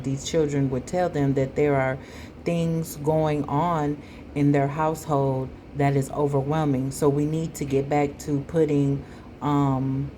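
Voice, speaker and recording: Opinionated female commentator, critical, deep-pitched and slow, some background noise. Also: mellow. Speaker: commentator reacting to a video. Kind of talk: spoken commentary.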